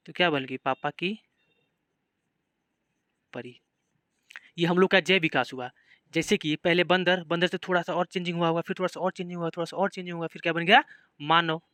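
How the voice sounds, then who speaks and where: A man's voice: on the high side, pushed and bright, dry recording. A man with a Bihari Hindi accent teaching a biology class, explaining in simple terms and putting repeated questions to his students. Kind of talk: classroom lecture.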